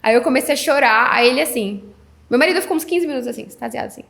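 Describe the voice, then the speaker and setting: A woman in her thirties talks casually as a podcast guest. Her voice sits on the higher side. She tells her story with energy and acts out the dialogue as she goes. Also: racing, gravelly, a bit bright. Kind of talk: casual chat.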